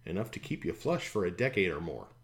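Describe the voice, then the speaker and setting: A man voicing a self-assured male militia captain in an audiobook, brisk and matter-of-fact. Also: sits low, sing-song. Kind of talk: audiobook character voice.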